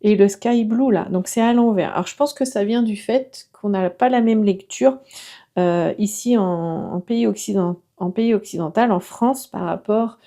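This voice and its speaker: Mellow-voiced enthusiastic woman unboxing. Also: mid-range voice, moderate pace. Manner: enthusiastic and exclamatory, often hesitating. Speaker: watercolour artist and video host. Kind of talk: casual unboxing chat to viewers.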